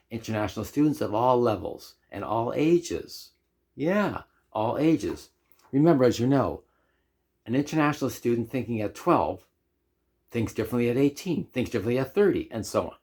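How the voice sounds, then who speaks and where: The speaker, a Canadian man in his fifties who teaches ESL, has a mid-range voice with a darkish tone. In this instructional monologue on teaching, he keeps underlining and repeating his key points and throws in rhetorical questions.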